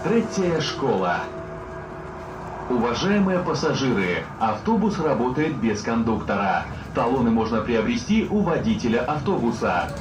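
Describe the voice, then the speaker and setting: A man reading formal passenger notices, played over a bus PA loudspeaker. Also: medium pitch, very animated, music in the background. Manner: formal, deliberate announcing. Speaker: bus service announcer. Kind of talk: prerecorded transit announcement. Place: inside a moving city bus. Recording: echoey, distant, noisy bus interior.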